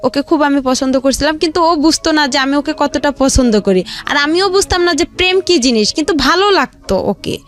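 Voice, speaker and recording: A woman from the Rangpur region of Bangladesh rambles through her life story step by step as an informal interview guest. Her voice sits high and is animated and brisk, with hardly any pauses. Music plays behind her.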